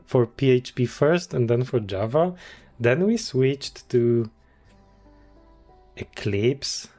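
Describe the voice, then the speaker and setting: A man's voice: medium pitch, a little mellow. A man, chatting casually on a livestream as a game developer, thinking aloud with many restarts and small chuckles. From Poland.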